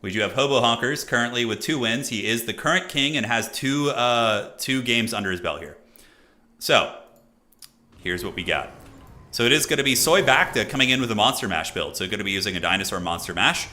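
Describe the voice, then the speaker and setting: Brisk and animated, with a medium pitch and sharp tone, this American streamer casts a strategy game match. He chats loosely with viewers, reads their messages aloud, and fills his talk with fillers and restarts.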